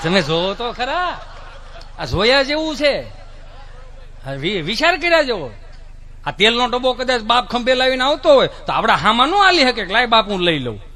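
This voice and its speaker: A man's voice: very high-pitched, sing-song, moderate pace, bright, forceful tone. A man, telling folksy stand-up stories and mimicking relatives and children. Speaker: stand-up comedian.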